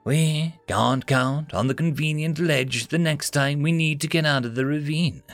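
A man's voice: a little high, measured pace, no room sound, faint music behind, lightly acted. A man voicing a cautious, wary young woman explorer.

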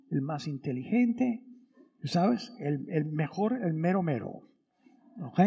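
A man's voice: high-pitched, a little mellow. A man, a priest, giving a conversational Sunday homily and asking the congregation many rhetorical questions. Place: church during Mass. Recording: long church reverb.

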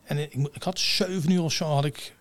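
A man's voice: a little high, steady tone, fairly quick, fairly bright tone. A man telling a story in casual conversation, blunt and swearing freely, acting out the other people's voices. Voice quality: rough singing voice. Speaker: guest, singer-songwriter.

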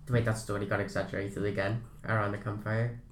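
A man's voice: on the low side, little pitch movement, fast talker, a little hiss or hum. A man co-hosting a film podcast, chatting casually with laughing asides. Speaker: podcast co-host. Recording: roomy echo.

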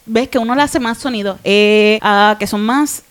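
A young adult woman, a podcast guest telling an emotional personal story in an animated way. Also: on the high side, normal speed. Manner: animated, acts out quoted voices.

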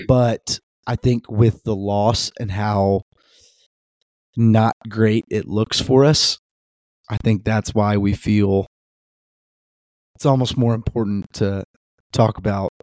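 A man's voice: lowish voice, fairly even intonation, slow, long pauses, a little mellow, dry recording, studio quality. A man co-hosting a casual sports podcast, rambling with lots of ums and restarts. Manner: rambling with many fillers and restarts. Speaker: podcast co-host.

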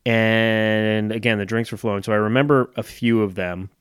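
A man's voice: lowish voice, steady tone, moderate pace, smooth, no echo, clean studio sound. A man hosting a solo podcast, talking candidly and reflectively, joking and swearing now and then. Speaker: podcast host and gym owner. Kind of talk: solo casual podcast monologue.

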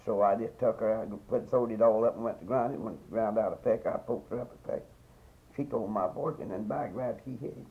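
A man's voice: on the low side, brisk. An elderly man with a Southern Appalachian accent tells stories of the past in a folksy, rambling, repetitive way, as an interviewee in an informal oral history. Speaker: interviewee recalling local past. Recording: dull, muffled field recording.

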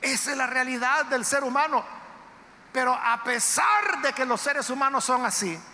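A man preaching in an emphatic, dramatic style, his very high voice cutting through with a sharp, bright edge. His delivery swings into sudden loud outbursts. The recording carries a long church-hall reverb over faint background noise. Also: normal speed. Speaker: pastor. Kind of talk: sermon. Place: church sanctuary.

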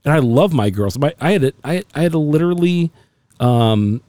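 Middle-aged man, earnest emotional storyteller, warm mellow tone, dry close sound, podcast chat. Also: on the high side, lively intonation, normal speed, dry recording. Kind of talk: casual conversation.

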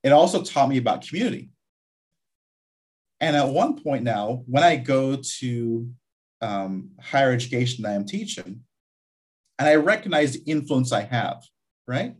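A man's voice: mid-range voice, expressive, moderate pace, pauses often. A man from Guyana, a community college vice president, talking reflectively in an interview with frequent restarts. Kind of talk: interview conversation.

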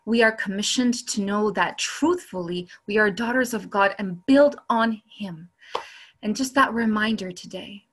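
A woman's voice: mid-range voice, a little slow, slightly rough. A woman guest speaker sharing personal devotional writing and scripture in an earnest way, repeating for emphasis.

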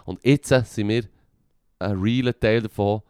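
A man's voice: lowish voice, moderate pace, darkish tone, smooth, no echo, studio quality. A man with a Swiss German accent co-hosting a podcast, ranting in a casual, profane way and dropping English slang. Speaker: podcast co-host.

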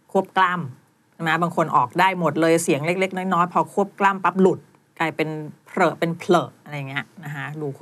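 Thai woman teacher, lowish voice, brisk corrective coaching, teasing edge. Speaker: pronunciation teacher. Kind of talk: one-on-one pronunciation coaching.

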